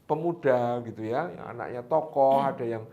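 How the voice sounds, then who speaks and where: A man telling a religious tale in a relaxed, animated chat. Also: mid-range voice, normal speed, narrow, tinny audio. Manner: lively, animated, laughs at his own story. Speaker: religious storyteller. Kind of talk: casual storytelling chat.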